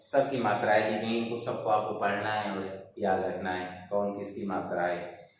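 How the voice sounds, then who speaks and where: A man's voice: lowish voice, little pitch movement, moderate pace, far from the mic. A man teaching an online grammar lesson, asking questions and answering them himself, repeating terms for his pupils. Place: classroom. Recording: very echoey room, voice away from mic, faint noise.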